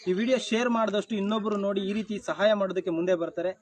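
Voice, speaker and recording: Earnest, fast-talking man. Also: high voice, a loud crowd. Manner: earnest, pleading, coaxing. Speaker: ashram founder and vlogger. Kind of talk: emotional appeal to viewers. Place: outdoors near a village temple.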